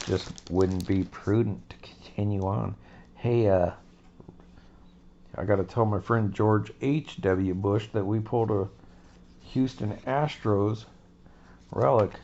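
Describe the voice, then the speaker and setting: A chatty man with a stuffy nose hosts a card-opening video, casually calling his viewers "folks." His dark voice is fairly low and slow with frequent pauses, captured in a dull lo-fi recording with slight background noise.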